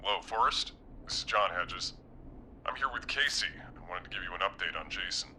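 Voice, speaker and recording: An actor playing a steady male caller in a video game, calm and reassuring, heard over a clipped phone line. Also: sits low, fairly quick, a little hiss or hum, exaggerated voice. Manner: calm, reassuring, matter-of-fact. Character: steady man caller tending a wounded friend. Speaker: caller to a late-night radio show.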